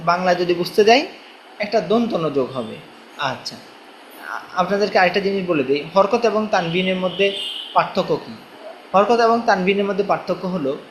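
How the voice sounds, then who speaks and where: A man's voice: high voice, slight background noise. A male teacher giving a recorded reading lesson, patiently chanting letter drills line by line. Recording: echoey room, faint ambience.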